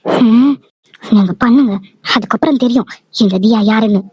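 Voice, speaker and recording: A woman voicing a feisty, teasing young village wife in a cartoon, with a sharp-tongued, lilting manner. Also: fairly high pitch, normal speed, slightly rough, no room sound, studio quality. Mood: defiant. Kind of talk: cartoon voice acting.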